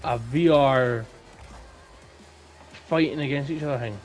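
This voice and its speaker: Co-hosting a podcast, a man with a Scottish accent rambles informally through casual stories. He speaks unhurriedly in a medium pitch, with faint music behind him.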